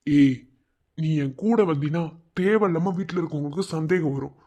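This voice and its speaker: A man's voice: a little high, normal speed, dark tone. A man voicing a bossy, scolding young friend. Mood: impatient. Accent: Madurai Tamil. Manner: scolding, curt commands. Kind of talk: cartoon voice acting.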